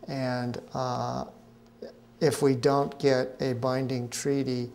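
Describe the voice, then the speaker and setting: At a conference pavilion, a middle-aged scientist answers interview questions in a measured way, hesitating often. His mid-range voice is level and slightly mellow, with vocal fry.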